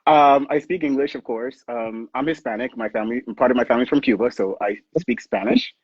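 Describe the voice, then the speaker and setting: Laid-back Bahamian-born man, husky, lo-fi dry call sound. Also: medium pitch, expressive, a little fast, dry recording. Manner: easygoing, laughs often. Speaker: guest contestant. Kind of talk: casual chat.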